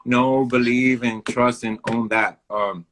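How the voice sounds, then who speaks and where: A man's voice: mid-range voice, steady tone, slow pace, fairly bright tone, a little hiss or hum. A man hosting a casual interview, playful and slangy with a hyped manner. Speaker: interviewer host.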